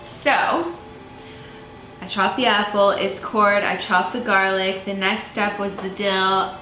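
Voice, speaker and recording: A young woman vlogging her first try at cooking in a casual, excitable way, often squealing and swearing. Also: mid-range voice, slow pace, echoey room, faint music behind. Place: home kitchen.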